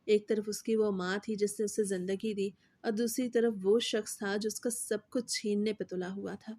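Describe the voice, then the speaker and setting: A woman tells a story in a steady, scripted narration. Her voice is mellow and dark, with pitch sitting in the middle of the range. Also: dry recording.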